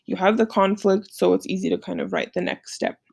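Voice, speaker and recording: A woman with a medium-pitched, gravelly, slightly mellow voice talks a little fast with fairly even intonation. She gives an informal screen-share lesson, walking students through an assignment on slides conversationally and often checking in with short tag questions.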